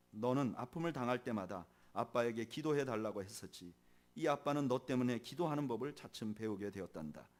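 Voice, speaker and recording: A man preaching as a pastor, reading a tender letter to his son who has died. His voice is of middle pitch, and his grief shows as it softens and drops at the close of each phrase. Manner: tender, grieving, softening and sinking at phrase ends.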